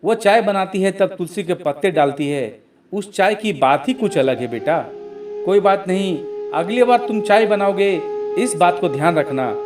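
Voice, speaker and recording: A man's voice: high voice, lively intonation, normal speed, recorded from a distance, over music. A man voicing an older mother-in-law who teases her son with mock innocence, in a storybook reading. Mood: sly.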